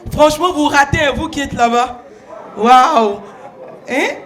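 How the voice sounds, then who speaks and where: A man's voice: very high voice, slow, full character voice, poor audio. A man voicing a flirtatious, gushing woman with a put-on French accent, who teases the audience and fills every line with "hein" and "oh là là". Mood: teasing. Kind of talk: stand-up character comedy on stage. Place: concert stage before a large audience. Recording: live stage show with loud crowd and noise.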